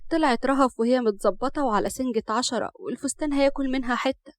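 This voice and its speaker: A woman with an Egyptian accent narrating a family story in a brisk, lively way. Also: sits high, no echo, clean studio sound. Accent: Egyptian Arabic.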